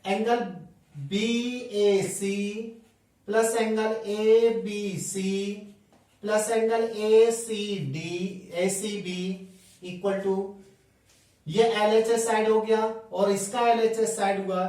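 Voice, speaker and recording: A man teaching a maths class at the board, dictating each step slowly and spelling out angle letters, mixing in English terms. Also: high-pitched, steady tone, darkish tone. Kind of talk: blackboard lesson, dictating steps slowly. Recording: echoey room, voice from a distant mic.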